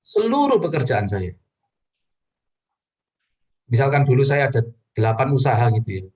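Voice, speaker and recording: A man preaching in a personal testimony, telling his story earnestly to the congregation and addressing them directly. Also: a little mellow. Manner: earnest storytelling with sudden pitch rises.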